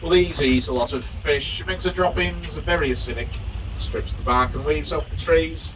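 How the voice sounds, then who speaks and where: A man on a lake cruise boat giving a safety announcement and tour commentary over the boat's loudspeaker, in a practised, informative, matter-of-fact way. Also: fairly high pitch, moderate pace. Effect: over a boat's loudspeaker system. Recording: distant loudspeaker amid boat and wind noise. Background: engine, water and wind noise.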